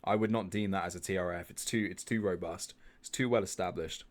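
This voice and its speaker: A deep-voiced man speaks briskly with fairly even intonation while hosting a live trading stream. Working through chart analysis, the trading group host is chatty, thinks out loud, restarts and repeats words, and asks viewers what they think.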